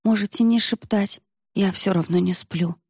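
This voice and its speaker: A woman's voice: mid-range voice, moderate pace, darkish tone, husky, no room sound, studio quality. Woman reading an outspoken young heroine.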